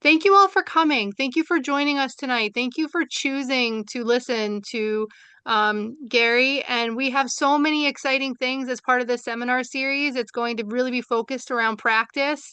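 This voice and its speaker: A woman's voice: sits high, fairly even intonation, moderate pace, sharp tone, clear, resonant tone, no room sound. A woman with a New York accent from Brooklyn, chatty and enthusiastic, with many fillers, wrapping up a webinar over a video call. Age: adult with young children. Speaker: seminar moderator. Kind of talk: closing remarks on a webinar.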